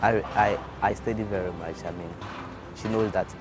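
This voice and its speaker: A young man speaking in an interview, halting and repeating himself as he tells his story. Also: lowish voice, fairly even intonation, noisy background. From Ghana. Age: young adult. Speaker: scholarship student. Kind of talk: interview testimony. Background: soft background music.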